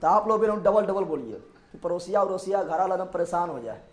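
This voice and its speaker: A male teacher runs a classroom lecture streamed live online, using call-and-response drills with his students. His high, expressive voice carries reverb. He fires the same questions rapidly and teases and jokes with the class.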